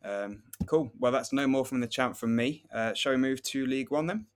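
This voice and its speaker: A man co-hosts a football betting podcast in a relaxed, conversational tone. He walks steadily through prices and recent form. His voice sits in an ordinary middle range. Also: mid-range voice, moderate pace, clear, resonant tone. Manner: relaxed, steady run through odds and trends. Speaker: podcast co-host, betting tipster. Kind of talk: casual football betting chat.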